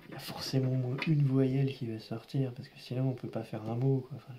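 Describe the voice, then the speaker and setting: A man's voice: medium pitch, little pitch movement, fast, noisy background. A man giving casual running commentary while scratching lottery tickets, grumbling and exasperated, muttering to himself.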